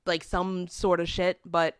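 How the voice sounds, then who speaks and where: A young woman with a phlegmy, under-the-weather voice, chatting on a podcast in a frank, loose way. Her voice sits a little on the low side, and the sound is close and dry. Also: flat delivery, a little slow, clear, resonant tone, dry recording. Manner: candid and blunt, with casual swearing. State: sick with a cough. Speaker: podcast co-host. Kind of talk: casual chat.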